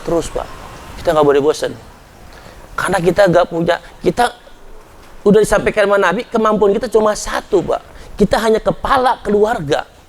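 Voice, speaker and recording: Addressing his congregation directly in a conversational sermon, a high-voiced man speaks a little fast, with long pauses. At moments he rises into loud, passionate pleading.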